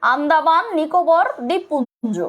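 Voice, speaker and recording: A young woman with a Bangladeshi Bengali accent teaches an online exam-prep class. Her voice sits very high, and she talks in a casual, colloquial way, posing questions and then answering them herself. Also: moderate pace, lo-fi sound. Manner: explains step by step, asks and answers own questions; colloquial, urges viewers to comment.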